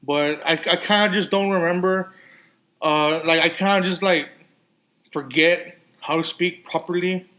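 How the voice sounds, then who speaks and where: A man's voice: high voice, fairly even intonation, unhurried, pushed and bright, poor audio. A man with a somewhat raised voice and a lisp, hosting a casual solo podcast. His words slur a little as he rambles, circling back on himself with frequent restarts and fillers. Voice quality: lisp and slurred speech. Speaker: podcast host.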